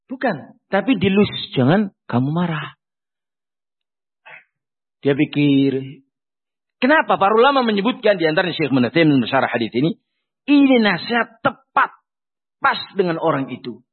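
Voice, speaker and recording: A man preaching a sermon, swinging between loud emphatic lines and quiet asides. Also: fairly high pitch, big pitch swings, normal speed, long pauses, husky. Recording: tinny phone-like sound.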